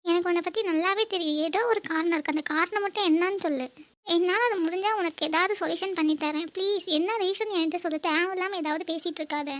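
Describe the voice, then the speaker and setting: An earnest young woman student in love, voiced by a woman for a cartoon. Her voice sits very high and her words come quickly. She talks emotionally and pleads. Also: fairly bright tone. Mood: insistent. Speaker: narrator and lead character. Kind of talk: cartoon voice acting.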